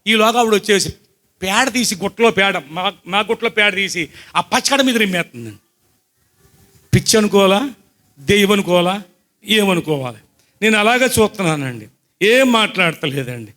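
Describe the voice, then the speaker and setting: A man preaching a sermon, telling a personal story to his congregation and often checking that they understand, swinging between loud outbursts and soft asides. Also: high-pitched, expressive, moderate pace, long pauses.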